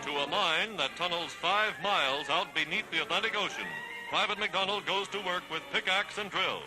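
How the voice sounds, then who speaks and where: Dramatic old newsreel announcer, high-pitched man. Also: normal speed, poor audio. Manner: emphatic, dramatic announcer delivery. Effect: old newsreel narration. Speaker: newsreel narrator. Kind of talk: 1940s newsreel narration. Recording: old newsreel soundtrack with loud music. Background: loud orchestral music.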